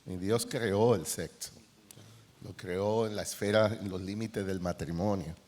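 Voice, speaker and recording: A man's voice: sits low, measured pace. A middle-aged man with a Dominican accent, a counselor speaking on a conference panel, telling anecdotes. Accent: Dominican Spanish. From Dominican Republic. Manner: storytelling, animated anecdotes with quoted dialogue. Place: large conference hall. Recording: reverberant hall.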